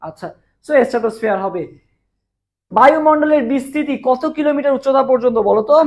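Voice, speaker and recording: Speaking fast and expressively in an extremely high, slightly mellow voice, a Bangladeshi Bengali-accented man teaches a live chemistry class online. He's hoarse from a full day of teaching and keeps drilling answers and repeating questions with students.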